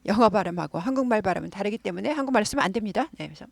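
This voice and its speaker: A woman gives an English lesson, explaining each phrase patiently and saying words again and again at a slow, deliberate pace so learners can copy the sound. Her voice is dry and close, with no room sound around it. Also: mid-range voice, animated, gravelly, no room sound. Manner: patient, repeats words slowly to model pronunciation. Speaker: English teacher.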